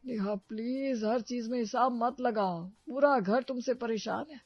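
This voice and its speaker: An exasperated young husband in a storybook cartoon, voiced by a woman. He pleads and scolds in a rather high voice. The sound is dry and dull, with faint music behind him. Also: a little slow, breathy edge, dry recording. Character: young husband, upset by his wife.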